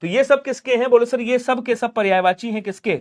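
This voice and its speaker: Young guy tutor, really high voice, brisk and chatty, keeps drilling the answers. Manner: brisk, repetitive drilling, chatty asides to students. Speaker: online exam tutor. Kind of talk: live online grammar class.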